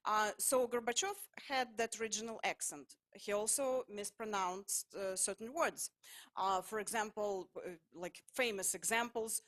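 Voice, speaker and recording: Halting woman. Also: medium pitch, fairly even intonation, a bit bright. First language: Russian. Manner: halting, full of hesitations and restarts. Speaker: speaker at a public talk. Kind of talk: lecture-style public talk.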